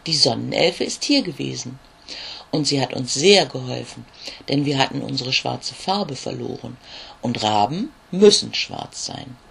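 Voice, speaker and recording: A storyteller voicing a big, friendly male raven who croaks and speaks in a kindly, obliging way. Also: mid-range voice, animated, measured pace, a bit bright, exaggerated voice.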